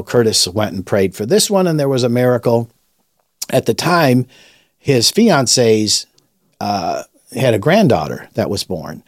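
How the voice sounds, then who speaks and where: A man's voice: medium pitch, no echo. Guy on a podcast telling a story about his dad, lots of uhs and restarts, dead dry sound. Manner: rambling, with many restarts and fillers. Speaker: podcast host and rabbi. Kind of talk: conversational storytelling testimony.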